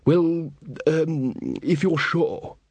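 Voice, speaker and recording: A man's voice: a little high, steady tone, very slow, darkish tone, breathy edge, no room sound, pitched above the performer's own voice, heavily acted. A man doing a fretful young king. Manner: hesitant, fretful. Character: nervous, earnest young male king.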